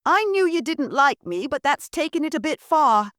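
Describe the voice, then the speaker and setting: A woman's voice: high voice, very animated, normal speed, a bit bright, dry recording, studio quality, pitched above the performer's own voice. A woman doing a blunt suspicious housemaid. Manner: blunt, dialect-heavy, grumbling. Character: blunt suspicious young housemaid, working-class.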